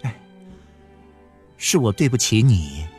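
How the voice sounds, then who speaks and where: A man reading a novel aloud and voicing a quiet, resigned wife who answers calmly and briefly. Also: on the low side, slow pace, husky, faint music behind, exaggerated voice.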